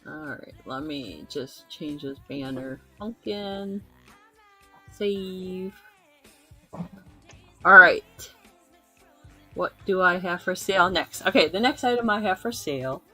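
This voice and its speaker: A woman's voice: lowish voice, lively intonation, takes it slowly, pauses often, bright, forceful tone, breathy edge, soft background music. A woman co-hosting a live craft sale, chatting in a friendly way about handmade items she is selling. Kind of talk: casual live-stream selling.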